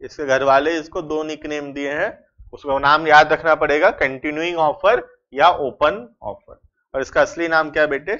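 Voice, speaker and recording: A man with an Indian accent teaching a commerce lecture, dictating notes slowly word by word and addressing students fondly. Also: fairly high pitch, a bit bright, lo-fi sound.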